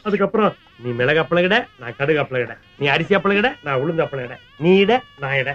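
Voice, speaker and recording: A man's voice: on the high side, animated, a little fast, a bit bright. An actor playing a scheming, cowardly young man who bickers and wisecracks in a comedy film scene. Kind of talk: 1990s Tamil film comedy acting. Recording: dull film soundtrack with background score.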